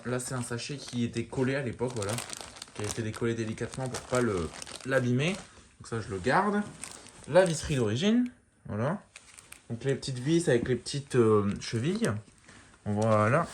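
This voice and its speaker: A man giving a casual show-and-tell of a lamp, talking in a relaxed, rambling way full of fillers and restarts. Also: mid-range voice, slight background noise. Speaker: lamp collector showing a fixture.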